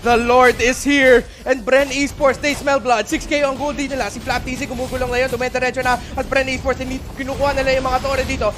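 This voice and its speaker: Screaming Filipino esports caster. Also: male voice, extremely high pitch, quick pace, few pauses. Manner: shouting, excited, switching between Filipino and English. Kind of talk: live play-by-play commentary. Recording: live broadcast with music behind.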